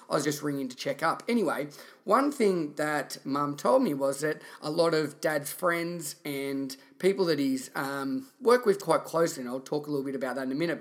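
Slightly high-voiced Australian man telling a story. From country Victoria, Australia. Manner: informal, earnest, reflective. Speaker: podcast host. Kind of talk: personal storytelling monologue.

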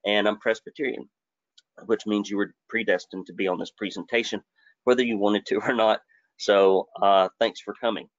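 Man in his thirties, low-voiced and folksy, running a webinar over a dull, dry computer mic. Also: steady tone, moderate pace, no room sound. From Alabama, US. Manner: folksy, joking, conversational. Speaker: webinar presenter. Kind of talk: live webinar presentation.

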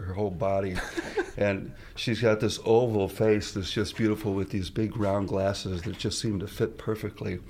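A man's voice: on the low side, gravelly, slight background noise. A man guesting in a radio studio, telling a rambling story casually, full of fillers, restarts and small laughs. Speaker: guest musician.

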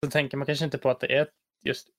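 A man's voice: mid-range voice, level tone, creaky. Easygoing man chatting on a podcast. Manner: loose, chatty, lots of fillers. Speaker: podcast co-host. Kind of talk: casual chat.

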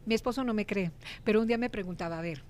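A middle-aged woman with a Mexican accent, chatting as a guest and telling lively stories. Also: mid-range voice, very fast. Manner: animated storyteller, acts out quoted voices. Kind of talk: casual interview chat.

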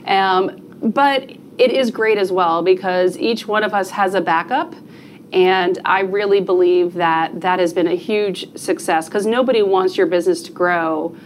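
This is a woman from New Jersey speaking as a guest on a podcast. Her voice sits fairly low, and she talks in an earnest, conversational way. A faint room ambience runs underneath. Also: unhurried, a little hiss or hum. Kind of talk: podcast interview.

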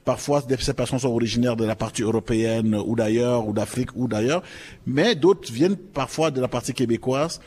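A man hosts a panel discussion. He speaks at a middling pitch and builds his questions slowly, breaking off and restarting as he goes. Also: a little mellow, breathy edge. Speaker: moderator. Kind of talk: moderating a panel.

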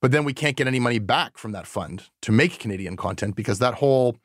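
A man's voice: medium pitch, lively intonation, quick pace, no echo, studio quality. A man hosting a podcast, talking casually and rambling with lots of fillers. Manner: rambling, chatty, many fillers. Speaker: podcast host. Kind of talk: casual chat.

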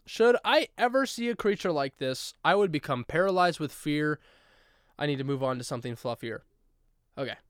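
A man's voice: a little high, fairly quick, smooth, dry recording, clean studio sound. Playful man telling animal stories. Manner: animated, jokey, exaggerated asides. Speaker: podcast host. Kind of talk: comedic storytelling monologue.

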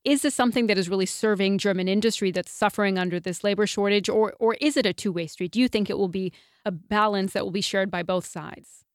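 A woman hosting a radio interview, asking measured, precise questions. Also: mid-range voice, no echo, clean studio sound. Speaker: host.

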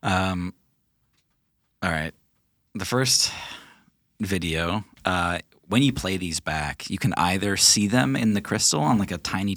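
A man narrating as game master of a tabletop game, relaxed and chatty with plenty of fillers. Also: sits low, dry recording, studio quality.

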